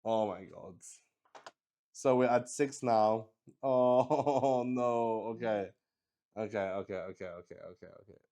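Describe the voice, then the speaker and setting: A man runs a solo roleplaying game, narrating casually while he improvises. He's excitable, halting, repeats himself, and swears mildly, with a fairly low pitch.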